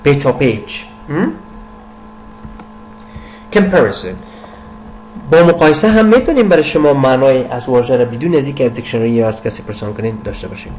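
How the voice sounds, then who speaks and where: An older man teaching an English vocabulary lesson, switching between quick explanations in his own language and slow, careful English reading. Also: mid-range voice, lively intonation, darkish tone, slight background noise, rough recording.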